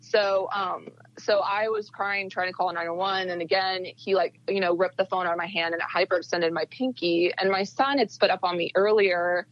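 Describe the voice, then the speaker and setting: A woman's voice: lowish voice, steady tone, moderate pace, few pauses, lo-fi sound. A young woman telling a personal story in casual chat, with quoted dialogue and plenty of fillers. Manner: tells events with quoted dialogue, many fillers. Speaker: podcast guest.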